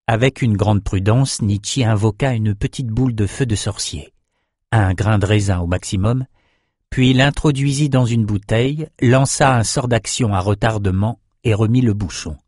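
A man with a fairly low voice narrates an adventure novel at an even, measured pace. The sound is dry and close, recorded on a studio mic. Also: dry recording. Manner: steady, measured storytelling. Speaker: audiobook narrator. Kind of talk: scripted narration.

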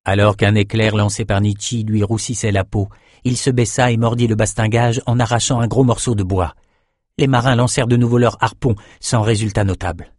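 A man narrating a fantasy audiobook in a measured, steady storytelling manner. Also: lowish voice, dry recording, clean studio sound.

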